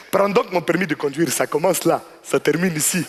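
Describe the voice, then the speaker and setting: A man voicing a pushy, proud, easily offended male customer who lectures loudly in a stand-up comedy bit on a large theater stage. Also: a little high, normal speed. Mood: indignant. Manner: indignant, lecturing, rising to excited outbursts. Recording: stage mic with hall reverb, faint noise.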